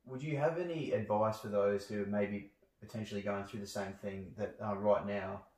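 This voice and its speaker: A male host with a deep, monotone voice chats casually and keeps affirming his guest. He sounds distant from the microphone in an echoey room. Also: moderate pace. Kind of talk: casual interview chat.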